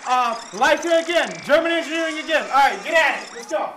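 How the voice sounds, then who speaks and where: A man's voice: very high-pitched, quick pace, background noise. A man announcing a podcast intro in a hyped, profane style, rattling off topics, his voice fuzzy and distorted. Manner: rattles off a long list of topics. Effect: fuzzy distorted audio.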